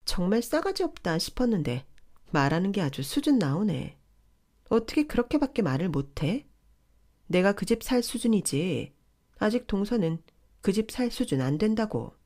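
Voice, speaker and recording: A woman voicing a pushy, entitled older sister-in-law who scolds in a shrill, condescending way. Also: big pitch swings, normal speed, dark tone. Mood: scolding.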